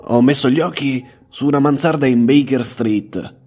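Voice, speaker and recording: A man voicing a blunt, self-assured young male detective in a measured, matter-of-fact tone. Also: medium pitch, a little mellow, breathy edge, faint music behind. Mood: calm.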